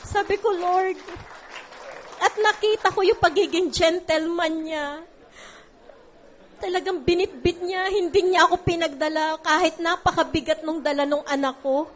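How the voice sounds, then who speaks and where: A woman's voice: very high-pitched, steady tone, a little slow. A middle-aged woman giving a heartfelt church testimony, tearful at times and using many fillers.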